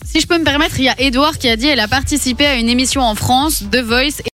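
A woman's voice: sits high, fast talker, fairly bright tone. A woman co-hosting a radio show, teasing and chatting casually.

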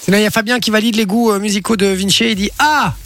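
A man with a Belgian French accent hosting a radio show, joking with his co-hosts and talking to listeners in a casual, lively way. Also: high-pitched, rapid-fire. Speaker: radio host. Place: radio studio. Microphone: studio microphone.

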